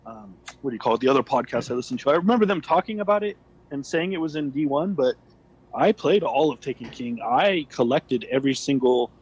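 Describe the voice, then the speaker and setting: A man's voice: medium pitch, animated, a little fast, slightly rough, lo-fi sound. A man co-hosting a casual gaming podcast, telling stories animatedly with many fillers. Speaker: podcast co-host.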